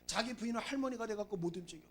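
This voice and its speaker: A man's voice: sits high, rapid-fire. A male pastor preaching a sermon, urging his congregation with emphatic repetition and stories. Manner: emphatic, repetitive exhortation with storytelling.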